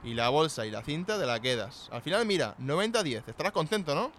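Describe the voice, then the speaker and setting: Fast-talking fussy man. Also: on the high side, lively intonation, a bit bright, a little hiss or hum. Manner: fussy, nagging about costs. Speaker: sketch comedy performer. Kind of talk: comedy radio sketch.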